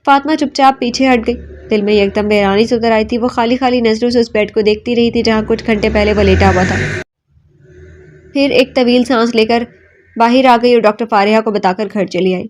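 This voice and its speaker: A woman narrating a novel aloud in a steady, dramatic storytelling manner. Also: a little high, slight background noise. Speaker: audiobook narrator.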